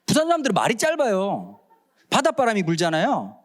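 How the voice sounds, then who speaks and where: Man, Busan accent, pastor, humorous sermon, high voice, wildly swinging pitch, acts out voices. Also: brisk, a little hiss or hum. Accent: Gyeongsang (Busan). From Busan, South Korea. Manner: animated storytelling, acts out quoted voices, jokes. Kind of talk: humorous sermon at a prayer meeting. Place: church sanctuary.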